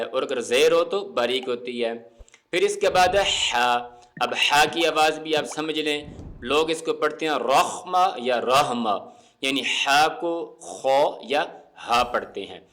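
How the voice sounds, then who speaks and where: A man teaching Quran pronunciation, explaining the rules patiently and words slowly to show how to say them. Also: fairly high pitch, fairly bright tone. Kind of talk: explanatory lesson with slow recitation.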